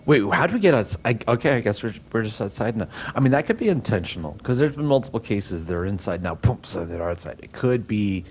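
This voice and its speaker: Low-voiced man commentating a game, very animated. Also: a little fast, hardly any pauses, a little hiss or hum. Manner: critical, nitpicking asides about the game. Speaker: let's player. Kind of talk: casual gameplay commentary.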